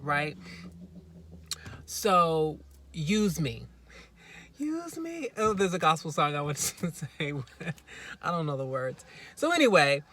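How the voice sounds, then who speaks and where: A woman giving a casual spiritual self-help talk, chatty and earnest, rambling with asides and breaking into loud emphatic moments. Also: sits low. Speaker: vlogger.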